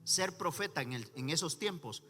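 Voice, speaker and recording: High, sharp-toned preaching man. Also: lively intonation, normal speed. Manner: emphatic preaching that addresses church members by name. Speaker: pastor. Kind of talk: sermon. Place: church. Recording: reverberant hall with faint music.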